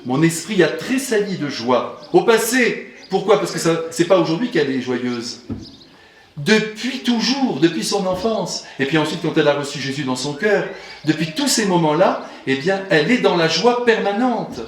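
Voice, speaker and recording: Animated priest in echoey hall. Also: male voice, moderate pace. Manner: animated and theatrical, swings between booming emphasis and hushed asides; addresses audience directly, asks them questions. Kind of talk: sermon.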